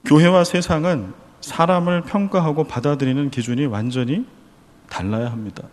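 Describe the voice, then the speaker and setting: A man's voice: fairly high pitch, moderate pace, big-room sound. A man preaching an earnest sermon as pastor, praying aloud and asking his congregation rhetorical questions. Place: church.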